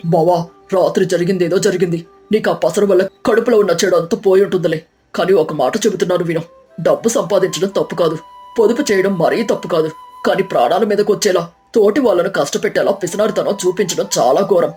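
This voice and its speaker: A woman voicing a kind, wise brother-in-law who gives calm advice. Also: lowish voice, quick pace, faint music behind, natural voice. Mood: advising. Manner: calm and lecturing.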